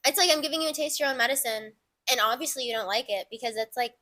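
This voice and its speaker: A woman's voice: sits high, very fast. A young woman in her twenties co-hosting a podcast, chatting casually and telling stories animatedly, acting out what people said. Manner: animated storytelling, acts out quoted dialogue. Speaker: podcast co-host. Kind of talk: casual chat.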